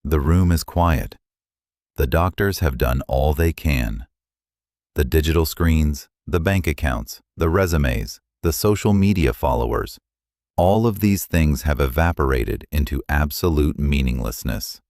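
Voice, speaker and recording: Very deep-voiced solemn male narrator. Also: lively intonation, unhurried, a little mellow, no room sound, studio quality. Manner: solemn, contemplative delivery. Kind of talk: scripted narration.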